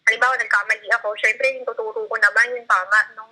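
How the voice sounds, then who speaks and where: A woman's voice: on the high side, steady tone, quick pace, pushed and bright, poor audio. A woman in her thirties from the Philippines, a former tutor, talking casually and hesitantly, searching for words and often laughing. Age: 30s. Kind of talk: casual conversation.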